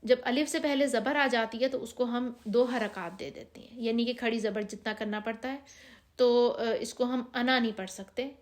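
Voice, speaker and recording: A woman with a Pakistani Urdu accent leads a recitation lesson in a slightly high voice. She explains each rule patiently, then reads the practice words slowly and stretches them out. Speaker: Quran reading teacher.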